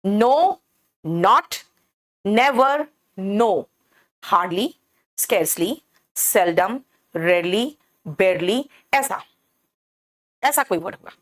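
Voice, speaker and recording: A woman teaching English grammar in a classroom, explaining patiently, checking understanding and slowing down to spell out example sentences. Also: mid-range voice, expressive. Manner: explains patiently, calls students beta, asks check questions. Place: classroom with air conditioner running.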